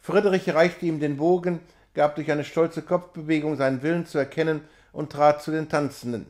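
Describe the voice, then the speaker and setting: A man reading a classic novella aloud in a measured, expressive way. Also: a little high. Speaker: reader.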